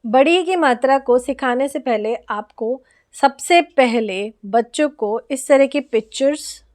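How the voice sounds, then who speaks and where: A woman's voice: high voice, measured pace, darkish tone, slight background noise. An Indian woman teaching an online lesson for parents, explaining step by step and stretching out example words.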